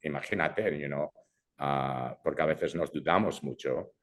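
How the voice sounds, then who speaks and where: This young man's voice is extremely low, a bit bright, and a little slow. He's a Brazilian filmmaker raised in Madrid, chatting casually as an interview guest, often restarting sentences and slipping in English fillers.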